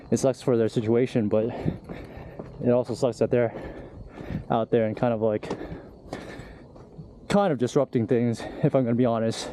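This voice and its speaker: Out of breath on an uphill hiking trail, a young man vlogs casually and openly to his camera. He speaks in a warm, mid-range voice. Background noise is clearly audible in this outdoor recording.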